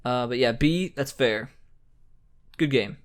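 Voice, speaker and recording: A man co-hosting a casual chat, talking in a relaxed way with many fillers. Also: medium pitch, slow pace. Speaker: co-host.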